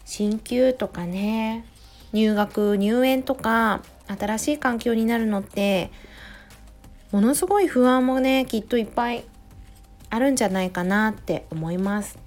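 A woman in her thirties, a mother, talking in a gentle, chatty way in a casual solo audio diary, close to the mic. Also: a little high, unhurried. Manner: gentle, chatty, many soft "ne" tags. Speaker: podcast host, mother of a preschooler. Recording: faint music behind voice.

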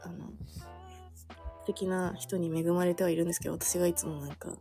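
A woman's voice: fairly low pitch, very animated, moderate pace, dark tone, soft background music. A young woman in her twenties, a podcast guest telling a rambling, giggly story full of fillers. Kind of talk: casual chat.

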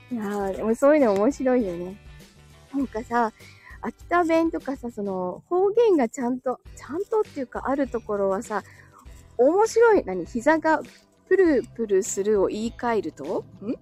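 Woman, live-stream host. Giggly, chatty, fairly high and mellow voice, faint music underneath. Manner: giggly, chatty, laughs often between phrases. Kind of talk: casual live-stream chat reading comments. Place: indoors at home.

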